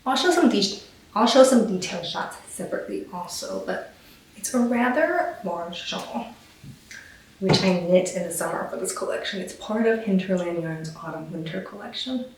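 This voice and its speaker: A woman's voice: mid-range voice, lively intonation, moderate pace. A young woman from Taiwan hosting her knitting podcast, talking casually and enthusiastically to the camera with rambling asides. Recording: very echoey room, distant mic, faint hiss.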